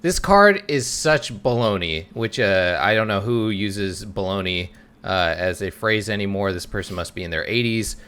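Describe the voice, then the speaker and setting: Bright, giggly man co-hosting a podcast. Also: lowish voice, lively intonation, moderate pace, clean tone. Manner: giggly, jokey. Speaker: podcast co-host. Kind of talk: casual podcast chat.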